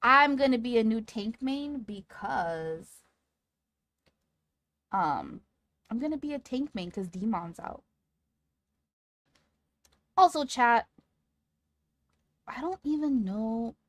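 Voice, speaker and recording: Female livestreamer, cute excitable anime-streamer delivery, very lively intonation, close dry sound. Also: on the high side, takes it slowly, long pauses, no room sound. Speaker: livestreamer talking to chat. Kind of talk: casual livestream chat.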